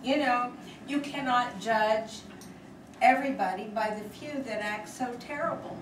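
Woman, unhurried testimony speaker, far from the mic in a roomy hall. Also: on the high side, a little hiss or hum. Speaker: speaker sharing her story. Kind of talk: personal testimony to an audience.

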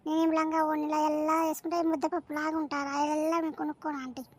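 A woman's voice: high-pitched, flat delivery, fast, pitched below the performer's own voice, lightly acted. A woman voicing a stubborn modern teenage girl in a cartoon. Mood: defiant. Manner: defiant, dismissive.

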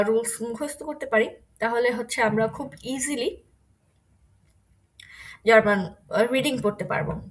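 Woman, language teacher, bright tone, very slow pace, repeats example words. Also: on the high side. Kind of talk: online language lesson.

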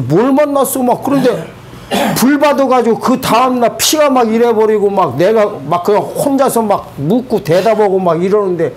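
A man giving a spoken testimony to a church congregation, animated and colloquial, asking the audience rhetorical questions. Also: high-pitched, a little hiss or hum.

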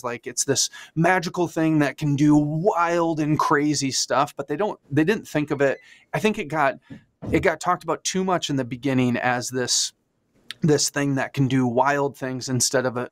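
A man's voice: medium pitch, no echo. Middle-aged guy on a podcast video call, chatty, says like a lot, dry close sound. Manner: chatty, fillers like "like" and "um", enthusiastic. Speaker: church designer guest. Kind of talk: casual podcast interview answer. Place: home studio room. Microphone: studio mic on a video call.

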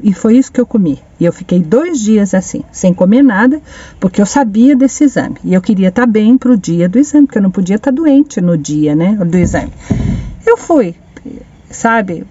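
A woman's voice: medium pitch, expressive, moderate pace, warm tone, dry recording, lo-fi sound. A middle-aged woman telling a personal story to her phone camera from inside a parked car, chatty and repeating her phrases as she fondly addresses her viewers. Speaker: vlogger.

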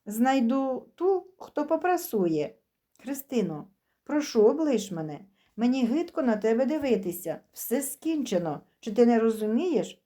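Woman reading a fed-up angry husband, curt and firm, highish mellow voice, audio story. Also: very animated, measured pace. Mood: disgusted. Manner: curt, resolute. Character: angry fed-up husband leaving his wife.

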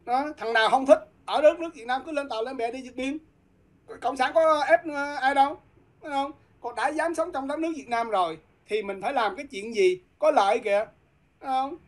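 A woman's voice: high voice, a little fast. A woman from Vietnam, a guest talking politics in a heated, combative way and repeatedly challenging her listeners.

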